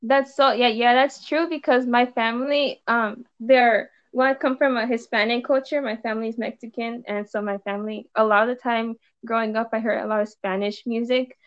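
A woman's voice: a little high, steady tone, normal speed, few pauses, smooth, no echo, lo-fi sound. A woman of twenty-one from Los Angeles, a musician chatting loosely as a podcast guest with many fillers. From Los Angeles, USA. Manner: rambling, many "like"s and trailing restarts. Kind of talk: casual podcast chat.

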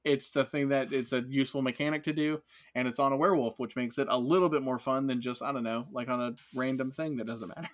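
Podcast host, male, even mid voice, reads card text briskly, then quick upbeat opinions. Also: mid-range voice. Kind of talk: casual card-game podcast chat.

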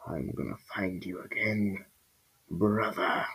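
A man's voice: fairly low pitch, fairly even intonation, unhurried, a bit bright. A man voicing a menacing male forest creature in a storybook reading, with sneering, taunting lines. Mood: ominous.

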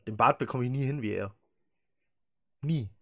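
A German man in his thirties hosts a casual football podcast in a mid-range voice at a moderate pace. He's chatty, opinionated and quick to laugh. The studio sound is clean with no room echo.

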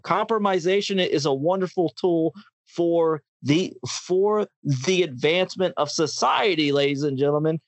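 Guy hosting a podcast, ranting hard, kinda high voice, dry close sound. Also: moderate pace, no echo. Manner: ranting, impassioned, repeats words and restarts. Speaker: podcast host. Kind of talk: casual podcast chat.

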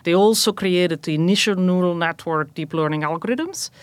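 A woman's voice: lowish voice, moderate pace, dry recording. A woman from Belgium, a technology executive, answering interview questions in long explanatory sentences with some fillers.

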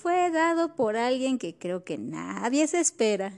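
A woman's voice: a little high, very animated, unhurried, creaky, a little mellow. A woman, co-hosting a casual history chat and chiming in with questions and wry jokes. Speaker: podcast co-host.

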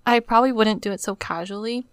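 A woman's voice: medium pitch, fast talker, smooth, dry recording. A young woman co-hosting a podcast, talking casually and emotionally, close to tears, with lots of "like". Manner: says "like" constantly, emotional and on the verge of tears. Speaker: podcast co-host. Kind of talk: casual chat.

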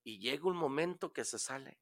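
A man's voice: on the high side, lively intonation, fairly quick. A man giving a motivational talk on the radio, emphatic and preachy, repeating phrases for effect.

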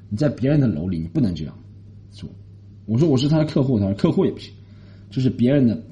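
A man from Shanghai telling a story in a casual monologue, animated, indignant and rambling. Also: medium pitch. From Shanghai, China. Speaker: podcast host. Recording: dull lo-fi recording.

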